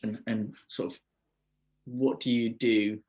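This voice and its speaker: A man's voice: medium pitch, flat delivery, slow pace, darkish tone, dull audio, slight background noise. A man hosting a podcast interview, casual and easygoing, with frequent hesitations. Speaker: podcast host.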